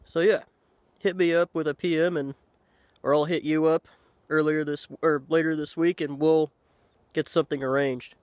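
A man in his thirties talks casually to a handheld camera outdoors. His voice sits a little high for a man, and he speaks in unhurried, halting phrases with pauses. The sound is dry, with no echo. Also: fairly even intonation. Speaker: pipe-smoking video blogger. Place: outdoors by a lake in woods. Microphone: handheld camera at arm's length.

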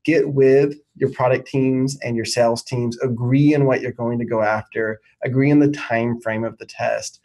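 A man's voice: medium pitch, steady tone, moderate pace, few pauses, a little mellow, rough recording. A man in his thirties, a marketing executive, explains frameworks confidently and fluently on a video call. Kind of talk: business interview answers. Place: home office, indoors.

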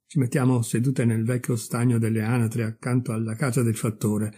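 A boastful, gossipy female frog from a fairy tale, played by a man reading aloud. She chatters on cheerfully and can't stop praising herself. The voice is warm and mellow, with a husky edge. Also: medium pitch. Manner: talkative, cheerful, self-satisfied.

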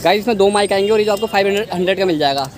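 This market walk-through vlog comes from a twenty-something man walking a bustling outdoor street market, filmed on a handheld phone held at arm's length amid a loud street crowd. He has a high voice and talks very fast, chatty and calling viewers "guys" and "brother" as he asks prices and repeats them back.

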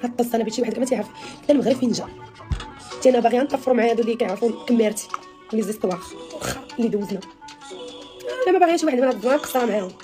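A Moroccan Arabic-accented woman in her thirties speaks rapid-fire on the high side, broken by long pauses, as she chats animatedly with followers over a phone live stream. Holding the phone at arm's length in a small room, this social media personality is emphatic and gestures a lot, with music in the background.

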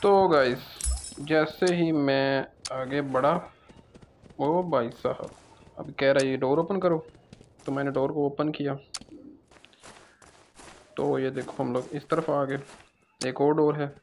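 A man's voice: mid-range voice, takes it slowly, long pauses, slight background noise. A young man giving casual, joking gameplay commentary and chatting to his viewers. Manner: joking, excitable, talks to viewers. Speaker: gaming channel host.

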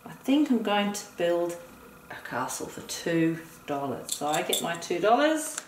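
On the low side with big pitch swings, a woman talks at a measured pace while teaching a partner a board game. She breaks it down step by step and counts aloud at a table indoors, with roomy, noisy audio from a distant mic.

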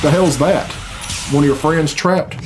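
A reaction video host in his thirties, voice on the high side and a little slow, tosses out blunt, sweary, grumbling comments in a casual, spontaneous style. There's background noise along with game cutscene music in his small furnished room at home.

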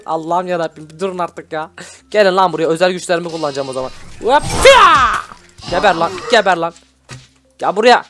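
A young man hosting a gaming video, reacting loudly and constantly to everything on screen. His voice sits fairly high and swings widely in pitch. Music plays clearly behind him. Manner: excitable, shouty, constantly reacting. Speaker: gaming YouTuber host. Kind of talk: gameplay commentary. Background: background music.

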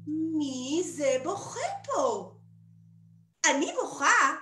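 Playful high-voiced woman leading a kids' sing-along. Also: animated. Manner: playful, coaxing the children to join in. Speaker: children's theater performer. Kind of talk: sung and spoken children's show. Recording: echoey room with soft guitar. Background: guitar.

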